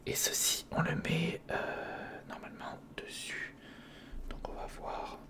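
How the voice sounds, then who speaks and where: Close to a sensitive recorder microphone, an ASMR video creator whispers in a breathy, unvoiced voice, taking it slowly. He talks informally and reassuringly, guiding the listener step by step through a hands-on build.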